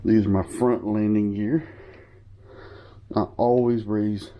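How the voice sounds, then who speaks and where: With lo-fi sound, a man speaks slowly in a lowish voice with fairly even intonation. He's a hobbyist walking through his equipment in a casual, rambling way, sniffling a little from a cold and using fillers and self-corrections.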